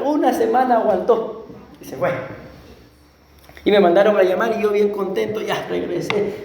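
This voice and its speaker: A Costa Rican man preaching as a pastor, telling his own testimony in a conversational way, often clearing his throat and asking the congregation questions. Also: high-pitched, darkish tone, a little hiss or hum. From Costa Rica. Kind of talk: sermon with personal testimony. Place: church sanctuary. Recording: echoey church room.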